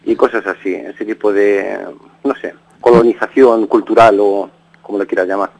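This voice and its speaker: A middle-aged Galician man with a fairly low, slightly mellow voice speaks at a moderate pace with fairly even intonation. On a radio broadcast with poor audio, he gives a casual, rambling account as an interviewee, often restarting sentences and tagging them with questions.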